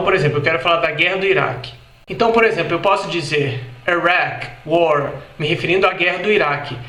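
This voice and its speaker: A man with a Brazilian Portuguese accent giving an explanatory video lesson, repeating example words slowly and carefully. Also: fairly high pitch, bright, forceful tone, roomy sound. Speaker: English teacher.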